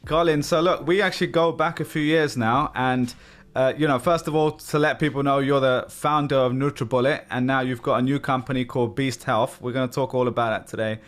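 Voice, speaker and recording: A man's voice: mid-range voice, steady tone, brisk. American man hosting a podcast chat. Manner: friendly, chatty introductions with frequent um and you know. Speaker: podcast host. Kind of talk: podcast interview.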